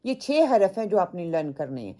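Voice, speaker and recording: A woman teaching a Quran translation lesson, mixing in English words, opening with prayers and repeating word lists slowly for her students. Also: fairly low pitch, big pitch swings, mellow. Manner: opens with prayers and blessings. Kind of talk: Urdu language lesson mixed with English.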